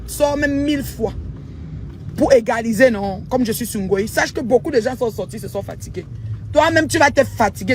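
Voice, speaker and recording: A woman's voice: a little high, darkish tone, a little hiss or hum. A woman talking in a casual vlog monologue as a social media commentator. She is emphatic and repetitive and keeps calling her listeners "maman.".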